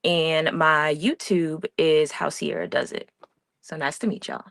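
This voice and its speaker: A woman's voice: low voice, unhurried, creaky, dry recording, studio quality. A woman from Pennsylvania, an actor and entrepreneur, introducing herself upbeat on a video call panel. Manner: upbeat self-promoting, animated. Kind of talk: casual panel chat.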